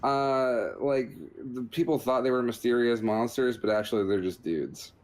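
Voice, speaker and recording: A man with a mid-range voice and moderate pace comments casually over gameplay footage while reviewing a video game for his podcast. His explanations are jokey and wandering, and a little hiss or hum is audible.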